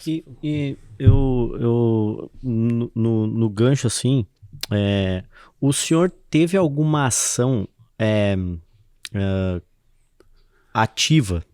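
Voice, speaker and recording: A man's voice: medium pitch, very slow, a little mellow, clear, resonant tone, no room sound. Hesitant male interviewer, dry room. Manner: hesitant questions full of fillers. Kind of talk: casual interview.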